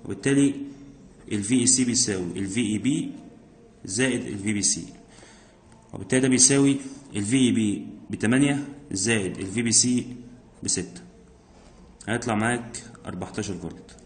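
A man's voice: lowish voice, fairly quick, pauses often. A man with an Egyptian accent, teaching physics by working exam problems step by step, asking himself questions and answering them. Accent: Egyptian Arabic. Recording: roomy echo.

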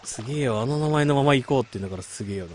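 A man's voice: medium pitch, racing, slight background noise. A man streaming a game late at night, chatting casually and muttering reactions to the gameplay. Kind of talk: late-night casual chat while gaming.

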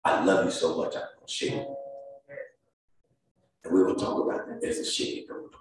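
A man's voice: sits low, fairly even intonation, brisk, noisy background. A man preaching a sermon and altar call as pastor, with a Southern US accent and a rhythmic delivery that builds into sung, chanted calls. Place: church sanctuary, heard from afar. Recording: distant echoey church with piano. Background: organ or piano music under the preaching.

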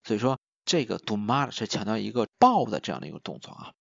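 A man teaching a recorded lesson with a lively, rising and falling voice. He talks like a friendly tutor, poses questions to his listeners and slows right down to repeat each example word twice. The recording is dry, with a slightly dull, muffled tone. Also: on the low side, creaky, no echo. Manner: slow, drawn-out repetition of example words. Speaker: language teacher.

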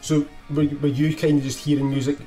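A man's voice: fairly high pitch, little pitch movement, fairly quick, mellow, distant mic, faint music behind. A middle-aged Scottish man hosting a casual interview in a small home studio, chatty and asking leading questions. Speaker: podcast host. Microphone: desk microphone, camera set back.

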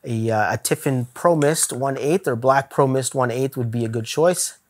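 A man's voice: medium pitch, moderate pace. A man talking casually to camera in a gear review vlog, candid and chatty, laughing now and then. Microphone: camera-mounted shot on a zoom lens.

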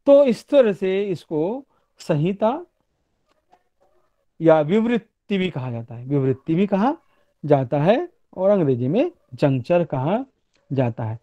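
Male lecturer teaching over a webinar, very unhurried and deliberate, muffled low-fi sound. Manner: slow, deliberate, pausing to demonstrate; often asks "okay?" to check with students. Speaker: university Hindi lecturer. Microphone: online webinar audio. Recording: dull lo-fi webinar audio.

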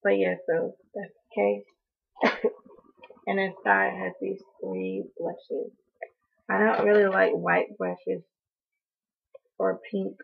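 In a casual haul video, a young beauty vlogger from North Carolina speaks in a hoarse, raspy, mid-range voice, flat and slow with frequent pauses. Allergies have roughened her voice, and she's chatty and apologetic, saying um a lot and coughing now and then. The close webcam in a small indoor room, in front of a door, makes the audio tinny.

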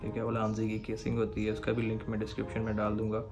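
A young motovlogger with a Pakistani Urdu accent talks fast in a fairly low, completely flat voice over background music. He casually explains how he sets up the camera and mic on his motorcycle, often asking "theek hai" to check in with the viewer.

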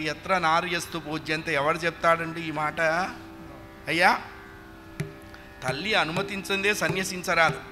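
A man telling a devotional story in the Harikatha style, animated and addressing the audience directly with humorous asides. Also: high voice. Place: religious hall.

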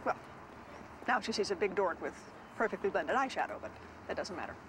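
A woman's voice: mid-range voice, a little fast, background noise, lightly acted. A woman playing a wry, wise teacher. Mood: patient. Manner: calm, wry and lecturing. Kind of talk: 1990s sitcom acting.

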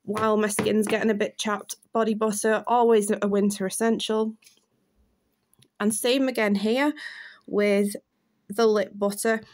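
A woman's voice: medium pitch, level tone, measured pace, darkish tone. A woman, chatting enthusiastically to camera as she unboxes beauty gifts. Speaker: beauty vlogger. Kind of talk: casual unboxing chat to camera.

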